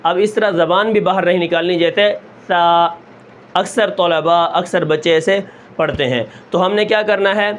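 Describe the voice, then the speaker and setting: A man teaching Quran recitation step by step, asking questions and answering them himself, and stretching sounds slowly to show them. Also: sits high, fairly even intonation. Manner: asks the class a question, then answers it himself; draws out sounds long and slow to show them.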